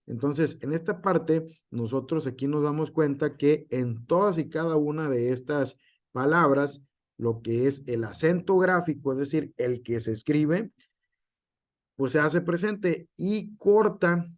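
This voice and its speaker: Male teacher, online lesson; slow and deliberate, spells out example words, heavy fillers and tag questions. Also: on the high side. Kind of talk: online class lecture.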